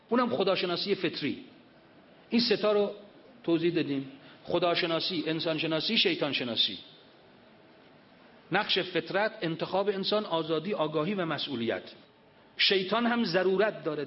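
A man giving a religious lecture, reciting scripture and explaining it in an emphatic manner. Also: a little high. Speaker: preacher. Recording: dull lo-fi recording.

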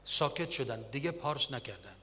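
A man's voice: medium pitch, expressive, sharp tone. A man telling wartime stories in an earnest sermon style, his voice swelling with emotion, recorded in a reverberant hall.

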